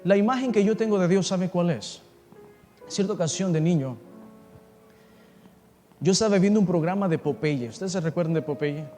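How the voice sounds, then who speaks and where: A man with a high voice delivers an impassioned sermon, telling a personal story and calling out to his listeners. He speaks in a large assembly hall, and the long reverb carries his words over faint music. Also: moderate pace, pauses often, dark tone. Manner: impassioned, addresses listeners directly. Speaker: pastor.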